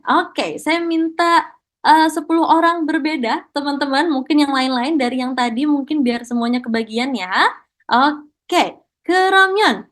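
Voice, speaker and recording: A woman teaching Korean in an online class, encouraging students and mixing Korean praise into her explanations. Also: high voice.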